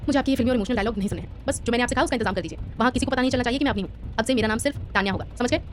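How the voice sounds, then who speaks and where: A sharp, curt young woman in a story who snaps out demands, as a woman narrator reads her. The lines are delivered very quickly over soft music. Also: on the high side, natural voice. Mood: cold. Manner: curt, commanding.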